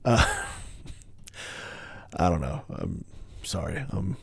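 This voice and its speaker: A man's voice: deep voice, wildly swooping pitch, extremely slow, creaky, a little mellow, breathy edge, dry recording. A man giving a casual board game review, rambling with wry asides and breaking off mid-thought.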